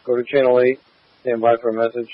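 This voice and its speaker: A male fire dispatcher reads out calls very quickly in a flat, procedural tone. His voice is husky and comes through a thin, phone-like radio channel. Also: mid-range voice, no echo. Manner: procedural, clipped. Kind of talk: radio dispatch, formal read-backs.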